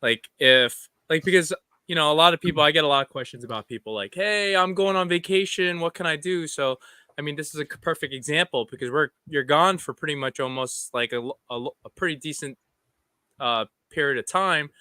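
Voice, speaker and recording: A man's voice: a little high, brisk, sharp tone, no room sound. A man co-hosting a casual podcast chat, rambling and restarting his sentences as he asks questions. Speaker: podcast co-host.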